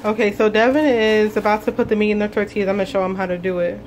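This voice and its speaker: A woman's voice: mid-range voice, flat delivery, very fast, a little mellow, slight background noise, poor audio. A woman explaining a recipe to her viewers in a home kitchen, chatty and casual. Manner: chatty, explaining, addresses viewers as you guys. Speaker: vlog host. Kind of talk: casual cooking demonstration.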